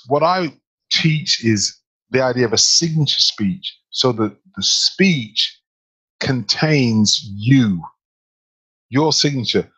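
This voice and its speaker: A man co-hosting a podcast as a speaking coach, talking in an animated, emphatic way with lots of rhetorical questions. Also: mid-range voice, slightly rough, rough recording. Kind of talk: casual podcast chat.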